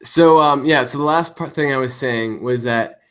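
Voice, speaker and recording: A man's voice: mid-range voice, normal speed, a bit bright, clear, resonant tone. A man talking casually as a podcast guest, his voice coming through a staticky call with a glitchy, half-robotic distortion, rambling with lots of fillers and restarts. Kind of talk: casual chat over a call.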